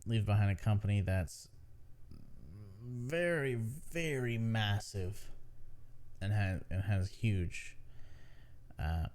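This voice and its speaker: A man's voice: lowish voice, slow pace, pauses often, a little mellow, smooth. A tired man hosting a casual gaming news podcast, rambling with many fillers and restarts. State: tired, yawning. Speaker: podcast host.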